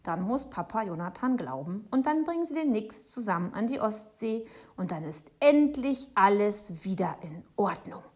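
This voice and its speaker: A woman narrating a children's book, in a hushed, intimate storytelling manner. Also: mid-range voice, sing-song, normal speed, few pauses. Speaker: audiobook narrator.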